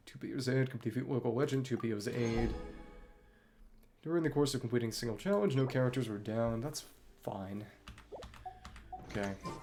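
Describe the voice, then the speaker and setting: Over game music, a male video game streamer gives live gameplay commentary, thinking aloud in an understated, wry, musing manner. His voice sits at a medium pitch with a warm tone.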